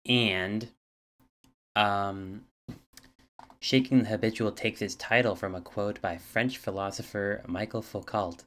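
Deep-voiced man sharing album facts. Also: steady tone, takes it slowly, pauses often, fairly bright tone. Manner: reads album facts from notes, hesitant fillers. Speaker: podcast co-host. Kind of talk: casual chat.

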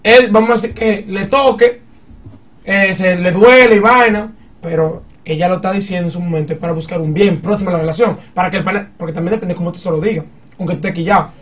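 A man's voice: sits high, fast talker, recorded from a distance. A man, chatting in a group discussion and arguing his point through examples. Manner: animated, argues by giving examples.

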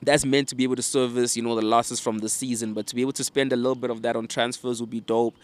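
A man's voice: mid-range voice, flat delivery, fast, no echo. Male football fan host, casual and opinionated, urban slang and swearing, level intonation. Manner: slangy urban talk, peppered with bro, fam and mandem.

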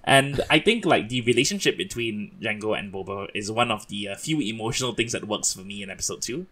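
A man's voice: on the low side, animated, fairly quick, pushed and bright. A man from Singapore hosting a casual podcast chat, chatty and laughing often. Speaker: podcast host.

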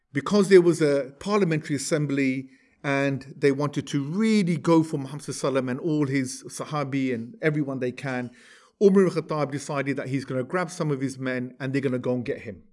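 A man's voice: medium pitch, fairly quick, a little mellow. Man telling a story in a lecture. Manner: conversational, asks "right?" to check in. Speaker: religious teacher.

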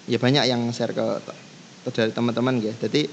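A man's voice: mid-range voice, little pitch movement, fairly quick. A man with a Javanese accent leading a casual religious lesson, easygoing and switching between languages, reciting Arabic passages. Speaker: Islamic teacher leading kitab study. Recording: long reverb with faint background noise.

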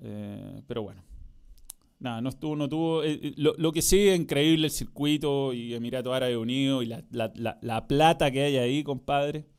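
A man's voice: medium pitch, normal speed, darkish tone, smooth. A man with a Chilean accent, chatting casually on a live stream about football and racing while reading viewer comments. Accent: Chilean Spanish. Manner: rambling, laughs often, chatty slang.

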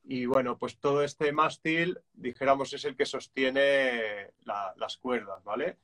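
Calm man explaining drum rhythms. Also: mid-range voice, unhurried. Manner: calm and reflective, hesitant restarts, counts beats aloud. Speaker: guest musician and drummer.

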